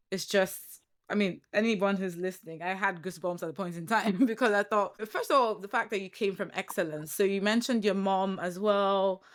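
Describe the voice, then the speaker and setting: A young Nigerian woman hosting a podcast, speaking with a Nigerian accent. She tells her stories with animation, slipping into quoted asides, in a voice of middling pitch. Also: a bit bright. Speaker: podcast host. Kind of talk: casual interview chat.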